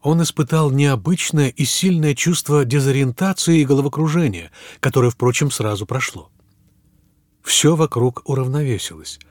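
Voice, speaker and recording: A man narrates an audiobook at a measured pace, letting his voice sink low at the ends of phrases. His pitch sits in the middle for a man. The recording is close and dry, with no room sound. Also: dry recording. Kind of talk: scripted narration.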